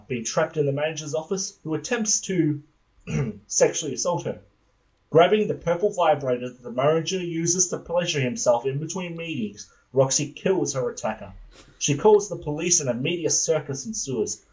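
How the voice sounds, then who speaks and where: A podcast host telling an absurd comic story in a deadpan, rambling way. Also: male voice, medium pitch, low-quality recording. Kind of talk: comedic storytelling.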